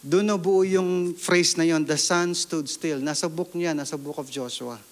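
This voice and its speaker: A man's voice: on the high side, fairly even intonation, a little slow, long reverb tail. A man from the Philippines, a pastor, giving a sermon testimony and asking the congregation questions as he tells his story.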